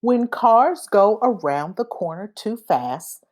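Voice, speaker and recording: The clip features a woman reading a children's book aloud with great expression and a wide range of pitch. She takes a very slow, careful pace, sets apart each phrase deliberately for young listeners, and dramatizes the sound effects.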